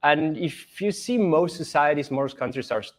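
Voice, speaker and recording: A man's voice: fairly high pitch, animated, moderate pace. A young man from Argentina speaking English as a podcast guest, thoughtful and earnest, with some hesitant restarts. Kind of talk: casual conversation.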